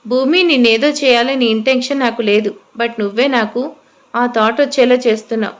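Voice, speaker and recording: A woman's voice: on the high side, moderate pace, natural voice. Brief: smug teasing young husband, read by a woman narrator.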